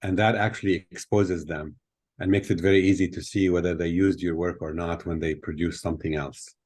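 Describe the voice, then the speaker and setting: A man's voice: sits low, flat delivery, a little fast, darkish tone, slightly rough. An older man born in Tunisia, explaining things thoughtfully with many fillers as a guest speaker on a video call from a hotel room. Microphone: laptop webcam on video call.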